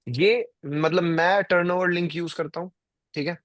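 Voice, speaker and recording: A man's voice: sits high, moderate pace, fairly bright tone, no room sound, clean studio sound. A man, chatting casually to viewers on a live stream, rambling and full of fillers. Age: 20s. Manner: rambling, filler-heavy, addresses viewers directly. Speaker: trading stream host.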